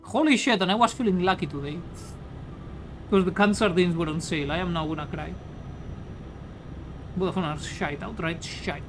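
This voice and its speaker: Her fairly low voice moves at a moderate pace with frequent pauses as she streams a game and jokes around crudely. She's a Spanish woman with a Spanish accent, rambling casually into a studio mic with a pop filter, with music in the background of a rough recording.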